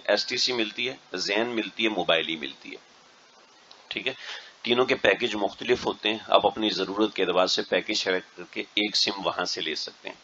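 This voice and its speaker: A man's voice: on the low side, pushed and bright, slight background noise. A man, a mufti, giving an instructional religious talk to a group of pilgrims and often checking that they understand. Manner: keeps checking the audience understands. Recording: dull lo-fi recording.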